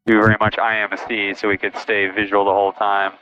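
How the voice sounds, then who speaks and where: Bright-voiced male pilot on a cockpit intercom. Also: fairly low pitch, monotone, a little fast. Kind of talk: casual in-flight narration. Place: small airplane cockpit in flight. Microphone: aviation headset. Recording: dull, noisy aircraft cockpit intercom. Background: engine noise, radio.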